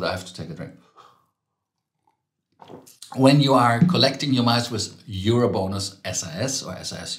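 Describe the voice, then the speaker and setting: A man's voice: mid-range voice, a bit bright, roomy sound. A man with a German accent hosting a travel news show, chatting casually with many ums and self-corrections.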